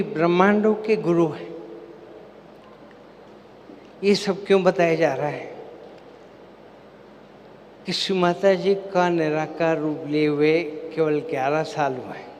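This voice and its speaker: Slow, measured man in an echoing hall. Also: on the high side, a little mellow. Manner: asks the audience questions, then answers them himself. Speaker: spiritual seminar speaker. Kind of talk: devotional talk to a live gathering. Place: large hall with an audience. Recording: long hall reverb, faint background noise.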